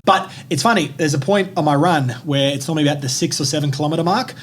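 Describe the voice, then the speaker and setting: A young man co-hosting a motivational podcast, talking in an energetic, emphatic way and swearing casually. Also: a little high, fast talker. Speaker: podcast co-host. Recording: faint background noise.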